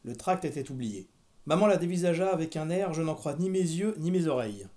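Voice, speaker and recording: Man, podcast host, expressive novel reading, slightly high voice. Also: fairly quick.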